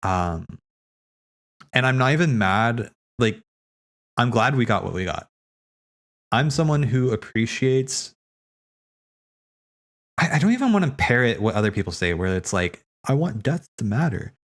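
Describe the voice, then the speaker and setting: A man with a mid-range, very animated voice hosts a watch party stream, rambling casually and thinking aloud. He speaks unhurriedly with long pauses and often repeats his words.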